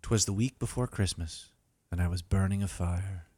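A man's voice: low voice, normal speed, dark tone, soft background music. A man narrating a scripted comic story as host, with theatrical, emphatic delivery.

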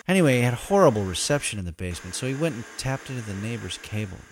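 A man's voice: mid-range voice, very animated, fast talker, a little hiss or hum. A man hosting a storytelling podcast, narrating scripted comic tales in the first person with a wry, mock-solemn, theatrical delivery.

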